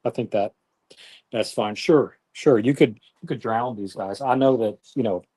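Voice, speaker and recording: A man hosts a casual live grilling stream and talks straight to his viewers. His voice is mellow and relaxed, and he pokes fun at himself as he goes. The sound is dry and close. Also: medium pitch, moderate pace, slightly rough, no echo. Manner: self-deprecating, chatty, talks to viewers.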